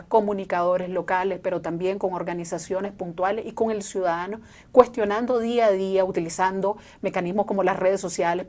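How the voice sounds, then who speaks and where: A woman, speaking earnestly and in a measured way as a civil society guest on a TV interview, tucking in little asides. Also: mid-range voice, a little mellow. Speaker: civil society organization representative.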